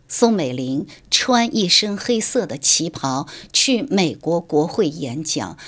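Woman writer from shanghai on a radio interview, low voice, explains things like a lecture. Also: fairly bright tone. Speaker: guest writer.

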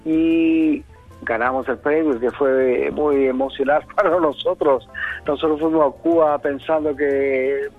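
A man's voice: fairly high pitch, steady tone, a little slow, phone-quality sound, faint music behind. A man from Chile with a Caribbean, Cuban-sounding Spanish accent, telling anecdotes casually as a musician guest in a radio interview.

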